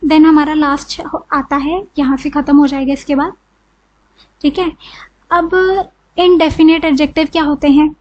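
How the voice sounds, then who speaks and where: Speaking a little slowly in a steady, high voice, a woman with an Indian accent teaches grammar, and the highs are cut off in the recording. She goes step by step, asking and answering her own questions, with "ठीक है" coming up often.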